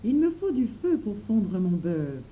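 A bossy little girl in a storybook, piping high and swinging her pitch widely as she scolds while a man puts her on. The recording sounds slightly dull. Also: big pitch swings, slight background noise. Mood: impatient. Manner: scolding, hurried.

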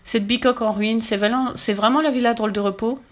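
A woman reading a scornful, pompous rich gentleman. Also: fairly high pitch, fairly even intonation, fast, pitched above the performer's own voice, lightly acted. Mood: impatient. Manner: curt and dismissive.

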